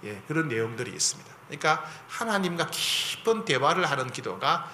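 Male pastor, conversational sermon style, bright and somewhat high voice, faint room ambience. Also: very animated, fairly quick, roomy sound, a little hiss or hum. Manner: conversational preaching, asks the congregation for agreement.

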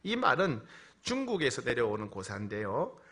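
A man's voice: mid-range voice, wildly swooping pitch, moderate pace, bright, forceful tone. A man preaching a sermon, telling a story and acting out prayers with rising passion. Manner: storytelling with acted prayers, rising to impassioned pleading. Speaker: pastor.

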